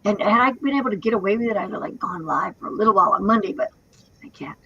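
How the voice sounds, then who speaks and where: A woman's voice: mid-range voice, lively intonation, rapid-fire, vocal fry, bright, forceful tone, breathy edge, no echo, lo-fi sound. A woman in her fifties chatting casually as a co-host, rambling with restarts and laughs. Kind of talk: casual chat on a live stream.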